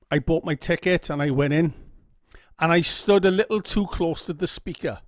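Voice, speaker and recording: A Welsh-accented man in middle age, a vlogger from Wales, speaks candidly and earnestly about his own life to camera, punctuating it with "okay?". His pitch is fairly high, and the camera-mic audio is dry and studio quality.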